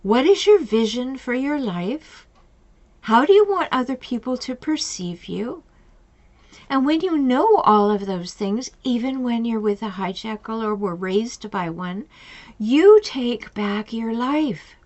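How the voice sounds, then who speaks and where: A woman's voice: on the high side, expressive, slow pace, darkish tone, muffled recording. A middle-aged woman coach giving advice in an earnest, emphatic way, repeating questions for effect. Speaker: relationship coach. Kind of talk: advice talk with retold conversations.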